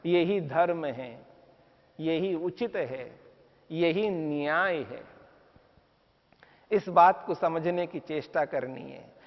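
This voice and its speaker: A man giving a spiritual discourse, speaking slowly and emphatically and repeating Sanskrit verses. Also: high voice. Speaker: religious teacher. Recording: dull lo-fi audio with long reverb.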